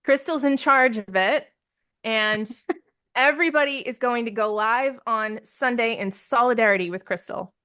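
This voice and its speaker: A woman's voice: on the high side, normal speed, bright, forceful tone, clear, resonant tone. A woman leading a live coaching session, upbeat and encouraging, laughing often as she talks with participants over a video call. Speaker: business coach.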